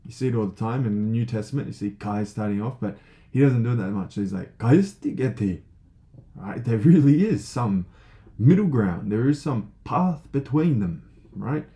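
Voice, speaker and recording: A man teaching a lesson in a casual, chatty way, thinking aloud with lots of fillers and checking in with "right?", and reading passages slowly and carefully. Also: medium pitch, lively intonation, mellow.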